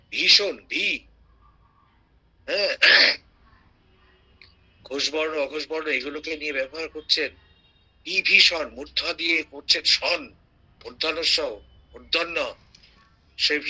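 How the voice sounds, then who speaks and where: A man giving an animated lecture, slowing down to recite rhymes with clear, careful pronunciation. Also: fairly high pitch, dull audio. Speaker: guest speaker.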